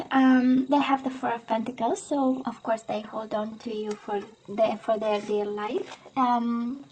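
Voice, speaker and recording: A woman doing a casual tarot love reading, hoarse as she loses her voice, often clearing her throat and tagging her sentences with "right?". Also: on the high side, a little mellow, slight background noise, rough recording. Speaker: tarot reader.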